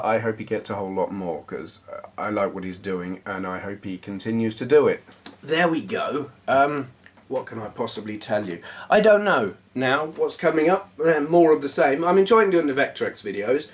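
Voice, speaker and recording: Hoarse guy rambling to the camera, lots of ums, a bit off-mic. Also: mid-range voice, expressive, moderate pace, distant mic. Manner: rambling, self-deprecating, hesitant with fillers. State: hoarse, voice going. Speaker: YouTube gaming channel host. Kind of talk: casual rambling talk to camera.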